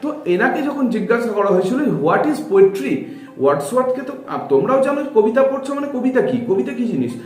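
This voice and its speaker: A man's voice: very high-pitched, fast talker, reverberant. A man introducing a literature lesson in an instructive way. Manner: introduces the topic in a lively, instructive way. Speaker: literature teacher. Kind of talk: explanatory lesson. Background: faint background music.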